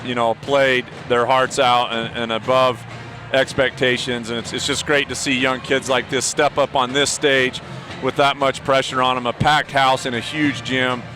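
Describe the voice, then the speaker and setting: A breathless man gives postgame color commentary in a mid-range voice. He rambles excitedly with frequent "you know" fillers. A clear music bed runs behind him. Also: mid-range voice, normal speed.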